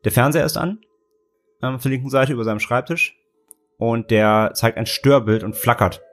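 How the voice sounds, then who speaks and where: A man's voice: mid-range voice, normal speed, faint music behind. A man co-hosting a casual podcast, retelling events at length with frequent restarts. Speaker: podcast co-host. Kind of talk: casual chat.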